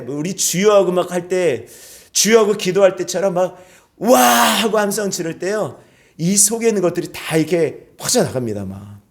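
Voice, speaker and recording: A man preaching a sermon to a church congregation, lively and calling out praise examples. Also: fairly high pitch. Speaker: pastor. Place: church sanctuary.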